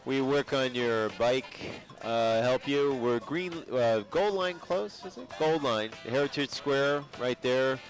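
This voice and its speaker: A man's voice: mid-range voice, slow pace, few pauses, faint music behind. A man hosting community radio, talking in a loose, rambling way with fillers. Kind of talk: casual radio chat.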